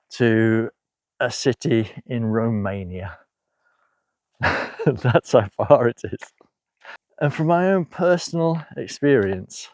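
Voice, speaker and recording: A man gives casual spoken commentary, wandering into asides and tossing out rhetorical questions. He talks at a slow, unhurried pace, and the recording is dry and close with no room sound. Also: medium pitch, a little mellow, dry recording. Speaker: video host.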